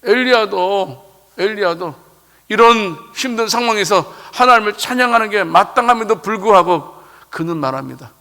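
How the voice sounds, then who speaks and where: High bright preaching man in echoing hall. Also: expressive, moderate pace. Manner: rhetorical questions, swelling emphasis then dropping low. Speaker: pastor. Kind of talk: sermon. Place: church sanctuary. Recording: long church hall reverb.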